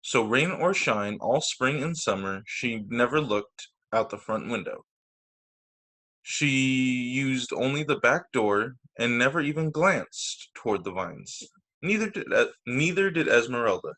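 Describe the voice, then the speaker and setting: The clip features a man reading a storybook for children as a teacher over video call, stressing important words and adding short comments to listeners. His medium-pitched voice is animated and fairly bright, though the recording quality is low.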